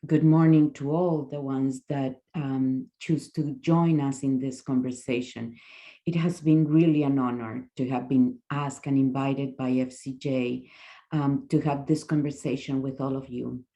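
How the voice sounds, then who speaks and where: Low, gravelly Chilean woman in her sixties. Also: steady tone, unhurried, mellow. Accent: Chilean Spanish. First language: Spanish. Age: 60s. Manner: hesitant, with fillers and restarts. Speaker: guest speaker. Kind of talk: presentation talk.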